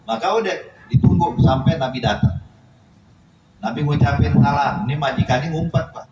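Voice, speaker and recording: A man's voice: a little high, moderate pace. A man preaching a sermon, telling a story and acting out its dialogue with animation. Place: mosque or study hall. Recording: echoey hall, distant mic, noise.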